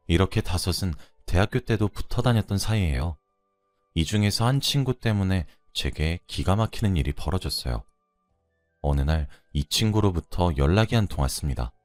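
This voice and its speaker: A man reading a first-person story aloud in a conversational, lively way. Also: low voice, no echo.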